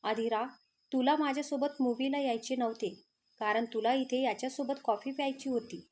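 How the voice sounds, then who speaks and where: A jealous young man with a short fuse snaps angry taunts at his rival, as a woman storyteller reads his lines. The voice sits high. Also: fairly even intonation, moderate pace, darkish tone.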